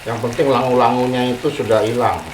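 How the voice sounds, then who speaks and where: Indonesian-accented male cooking host, mid-pitched, chatty, echoey kitchen with frying sizzle behind. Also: steady tone, fairly quick, noisy background. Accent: Indonesian, with Sundanese terms. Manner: chatty, friendly, ends phrases with "ya". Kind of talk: home cooking tutorial. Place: home kitchen.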